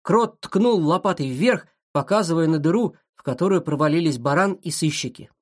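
Lively, animated storybook narrator. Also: medium pitch, moderate pace. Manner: expressive, animated reading. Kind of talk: children's audiobook narration.

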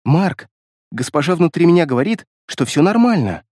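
A man reads a shy little beast girl from a fantasy audiobook, who stumbles and stammers over her words. The voice is lightly raised and lively in its rise and fall, recorded dry and close. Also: fairly high pitch, no echo. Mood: timid. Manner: halting, stammering.

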